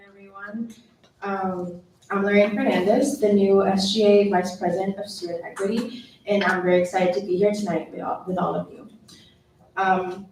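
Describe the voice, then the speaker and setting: A woman's voice: mid-range voice, a little mellow, slight background noise. A woman in her twenties from Puerto Rico, giving an earnest prepared speech as a student government officer. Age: 20s. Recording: echoey hall, far mic.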